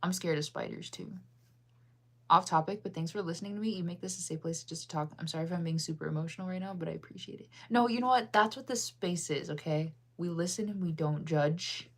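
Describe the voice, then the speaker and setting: A woman's voice: lowish voice, brisk. A young woman from the US, chatting casually on a live stream, laughing often and answering her chat. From United States. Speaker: livestreamer.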